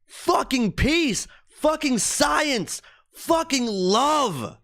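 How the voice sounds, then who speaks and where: This livestream host has a very high, slightly bright voice, sing-song and drawing out his words. He delivers an angry political rant full of profanity, repeating himself for emphasis.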